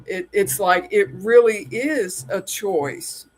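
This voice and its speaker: Slow-talking earnest man in his sixties. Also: high voice. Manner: earnest, openly personal. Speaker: podcast host. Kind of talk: casual podcast conversation.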